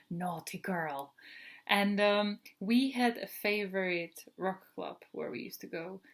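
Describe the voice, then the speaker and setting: Slow, chatty woman from the Republic. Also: medium pitch. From Czech Republic. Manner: chatty, rambling, many fillers and restarts. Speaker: perfume vlogger. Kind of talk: casual perfume review vlog.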